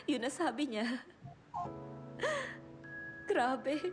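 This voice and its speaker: Lady dubbing a teary soft-hearted mom, high voice, a bit of music behind. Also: drawn-out words. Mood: tearful. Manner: emotional, tearful, self-deprecating. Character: tender middle-aged mother of a grown son. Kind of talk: Tagalog dub of a drama.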